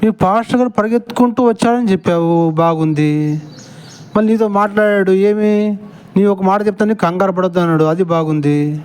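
A man's voice: sits high, a little fast, a little mellow, smooth. A man commenting on a played clip in casual talk, sarcastic and impatient with his questions.

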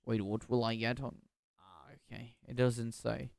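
Over music, a young man from Bulgaria chats casually as he plays on stream, his mid-range voice flat, moderately paced and edged with vocal fry. He tends to repeat words and question himself in confusion.

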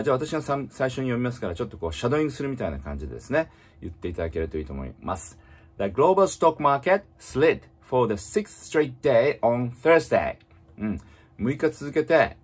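A man teaching English in casual spoken style, reading slowly and explaining with many fillers. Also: medium pitch, breathy edge.

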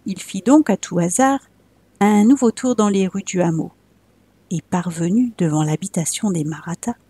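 A woman reading a classic tale aloud as a storyteller, measured and expressive. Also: mid-range voice, no echo.

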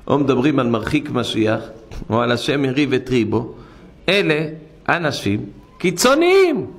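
A rabbi giving an impassioned sermon in a synagogue, firing rhetorical questions and dropping low to tell a parable. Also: male voice. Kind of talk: weekly Torah portion sermon.

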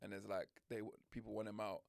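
A young man, co-hosting a banter-filled chat. His voice has a gravelly edge and is recorded close and dry. He tells stories with lots of animation. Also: fast, no echo. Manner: animated storyteller, jumps pitch when acting out others. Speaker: podcast co-host.

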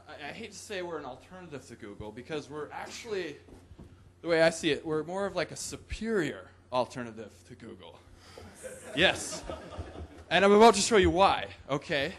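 The presenter, a young man with a fairly high, somewhat bright voice, gives a loose and playful live tech talk at a podium mic. Whoops and laughs fill the conference hall, and there's slight background noise.

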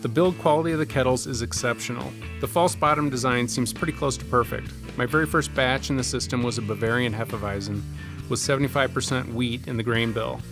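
Man, 40s, home brewer; measured scripted narration over guitar music. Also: mid-range voice.

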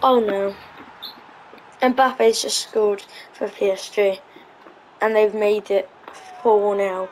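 A woman's voice: medium pitch, flat delivery, slow pace, pauses often, a little mellow, a little hiss or hum, rough recording. A woman giving casual, hesitant commentary on her own gameplay, thinking aloud with lots of ums. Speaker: gaming channel host.

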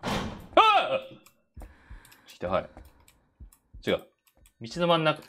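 A woman's voice: low-pitched, sing-song, a little slow, slight background noise. A woman giving casual horror game commentary, muttering to herself in short phrases. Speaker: game streamer.

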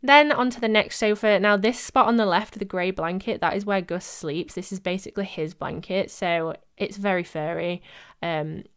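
Chatty woman with a smooth, clear voice. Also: medium pitch, moderate pace. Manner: chatty, self-mocking, laughs often. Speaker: vlogger. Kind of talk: casual voice-over narration. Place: home studio, voice-over recorded separately.

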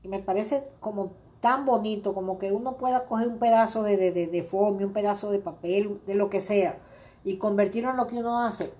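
A woman's voice: medium pitch, a little fast. Middle-aged lady crafting on a live stream, chatty and rambly, lots of ehs, says hi to viewers. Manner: chatty, warm-hearted, rambling with many fillers; greets viewers by name while working. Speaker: craft video host. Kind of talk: casual crafting livestream chat.

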